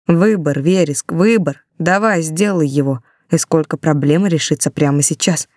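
A woman's voice: deep voice, normal speed, a little mellow, dry recording, studio quality. A woman reading an audiobook, voicing a cruel mafia boss in a cold, menacing tone. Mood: cold menace.

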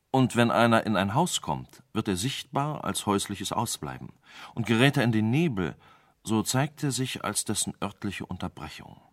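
Guy reading a radio story, low and lively, super dry. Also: dry recording. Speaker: narrator. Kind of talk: scripted radio drama narration.

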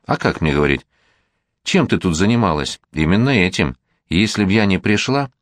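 A man reading the part of an exasperated middle-aged mother scolding her teenage daughter, stern and sharp-tongued. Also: low-pitched, very animated, moderate pace, dry recording. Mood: angry. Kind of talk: audiobook character reading.

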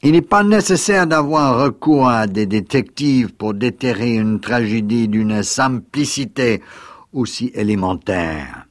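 A man narrating a classic detective story in a measured storytelling manner, dropping to a hush at times. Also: medium pitch, expressive, dry recording, clean studio sound. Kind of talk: literary reading.

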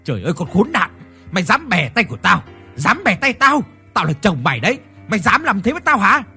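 Guy doing a high shrieking drunk husband, yelling curses fast, lots of swing in the voice. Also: big pitch swings, breathy edge, faint music behind, heavily acted. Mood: screaming, furious. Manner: screaming curses in pain. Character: drunken abusive middle-aged husband, now terrified.

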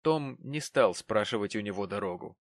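A man narrating an audiobook of a classic novel in a measured storytelling way. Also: fairly low pitch, lively intonation, no echo. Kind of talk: scripted narration.

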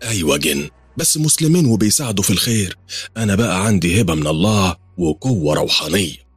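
A man's voice: low-pitched, lively intonation, fast talker, slightly rough, no echo, faint music behind. A man voicing an eerie veiled woman who sees spirits. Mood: ominous insistent. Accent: Egyptian. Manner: insistent, ominous, matter-of-fact. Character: strange veiled woman claiming to see spirits.

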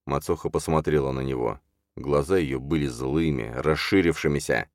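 Deep deep voice guy reading a dark fantasy audiobook, dry close sound. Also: moderate pace, dry recording. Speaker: audiobook narrator. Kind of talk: scripted narration of a dark fantasy novel.

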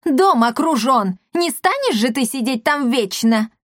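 A woman voicing a high, urgent young heroine. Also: animated, unhurried, no echo, studio quality. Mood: indignant.

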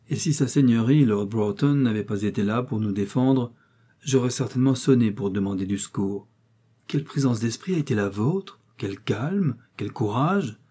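A man's voice: mellow, breathy edge, close to an everyday voice. A man voicing a gushing, fussy spinster in an audiobook, all breathless exclamations. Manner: breathless exclamations, high-pitched. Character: gushing fussy middle-aged spinster, woman.

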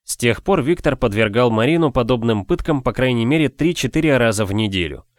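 A man reading an audiobook as its narrator, in an even, measured way. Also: mid-range voice, no echo, studio quality. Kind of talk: scripted narration.

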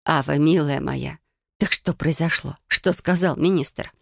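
A reader voicing a caring, motherly older woman who speaks softly and slowly in a storybook reading. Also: mid-range voice, creaky, no echo, studio quality. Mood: worried.

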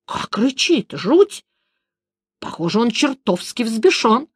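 Woman doing a jumpy dramatic bard guy, voice shooting up high. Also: sing-song, slow, husky, dry recording, exaggerated voice. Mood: alarmed. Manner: high-strung, exclaiming. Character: excitable young male bard, anxious and dramatic.

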